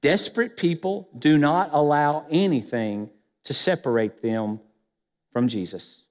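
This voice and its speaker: A man preaching a sermon as pastor, emphatic and dropping his voice low on key phrases. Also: unhurried. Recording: long hall reverb.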